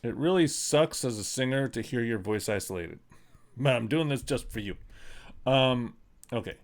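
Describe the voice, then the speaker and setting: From his home studio, a middle-aged musician casually screen-records himself mixing vocals. His medium-pitched voice is expressive and moves at a normal speed. He wanders loosely through it with many ums and uhs, often downplaying himself.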